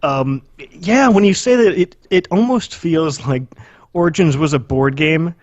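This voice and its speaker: A podcast co-host with a fairly high male voice talks about video games in an unhurried, casual way. He is blunt, profane and prone to exaggeration. The recording is muffled, with no room sound.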